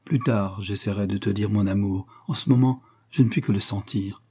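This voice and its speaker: A man reading the part of a young man deeply moved by love, speaking in an earnest, emotional way in an audiobook. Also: fairly even intonation, normal speed, warm tone, slightly rough.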